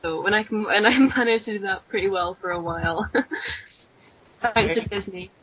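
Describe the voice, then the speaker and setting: A woman's voice: mid-range voice, moderate pace, a bit bright, slightly rough. Woman, British accent, interviewer, eager, casual, lo-fi dull audio. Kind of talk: casual chat.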